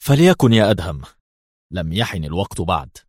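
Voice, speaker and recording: Man doing an unhurried spy chief; deep, husky, dry. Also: no echo, exaggerated voice. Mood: calm. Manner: calm, wry. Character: calm, knowing male intelligence chief.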